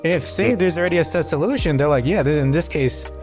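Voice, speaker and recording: A man's voice: on the high side, expressive, fast talker, darkish tone, soft background music. A man in casual podcast chat, explaining at length with many fillers. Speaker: podcast co-host.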